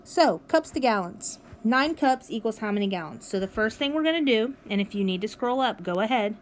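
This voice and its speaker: A woman with a slightly high voice teaches a recorded math lesson. She is upbeat and encouraging, talking her students through each step. A faint background hum sits under her voice. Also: expressive, a little fast. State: has the hiccups. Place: at home with her dog nearby.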